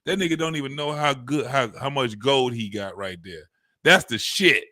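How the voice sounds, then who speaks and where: A man in casual podcast chat, loud and profane, telling stories and acting out quotes. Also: medium pitch, normal speed, dry recording, studio quality. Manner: loud, storytelling, profane slang, acts out quotes.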